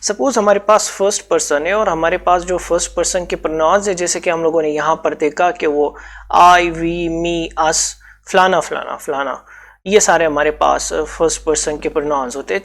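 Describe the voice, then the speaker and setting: A man's voice: high voice, a bit bright. A man with a Pakistani accent teaching a grammar lesson for exam preparation, explaining step by step and repeating key points.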